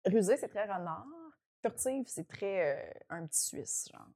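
A woman with a Quebec French accent co-hosting a podcast in casual chat, animated and teasing, laughing often. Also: medium pitch, measured pace. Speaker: podcast co-host.

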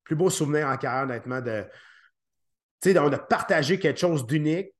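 A man with a Québécois French accent, a former fighter as a podcast guest, talking in a halting way and often repeating his words. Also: on the high side. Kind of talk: podcast interview.

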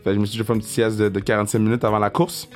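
A man in his thirties with a Québécois French accent, telling a casual, excitable story and swearing, with English words mixed in. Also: fairly low pitch, very fast, soft background music. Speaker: vlogger.

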